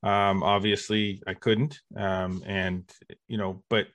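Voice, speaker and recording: A man co-hosting a podcast, speaking in a supportive, thoughtful, halting way. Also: on the low side, level tone, fairly bright tone, no room sound, muffled recording. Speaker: podcast co-host. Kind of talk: casual podcast chat.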